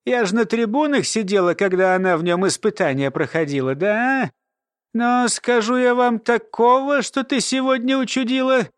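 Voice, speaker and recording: A woman's voice: on the high side, moderate pace, dry recording, studio quality, voice pushed up, natural voice. A man voicing a sly old woman, a former nanny who mumbles and talks in a folksy way. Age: older.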